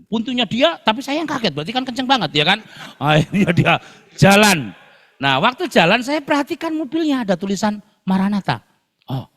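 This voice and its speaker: Male pastor, lively storyteller, swooping expressive pitch, long hall echo. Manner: animated storyteller, sound effects, chuckles. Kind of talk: sermon with humorous personal story. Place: worship hall.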